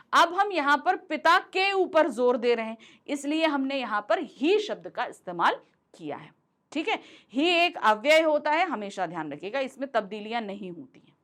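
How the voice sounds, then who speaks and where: A woman's voice: high voice, a bit bright. A woman teacher explaining a Hindi grammar lesson, asking and answering her own questions and mixing in English words.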